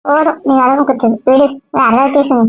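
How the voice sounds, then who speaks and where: A young woman playing a blunt young female friend who scolds and lectures in a sharp, rapid-fire way, in a web drama. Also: high-pitched, fairly even intonation, highs cut off, lightly acted. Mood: scolding.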